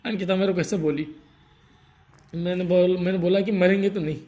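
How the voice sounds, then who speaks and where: A young man telling a painful personal story in a halting, grief-stricken way, stopping often to soothe someone beside him. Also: high-pitched, steady tone, mellow. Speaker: vlogger telling his story.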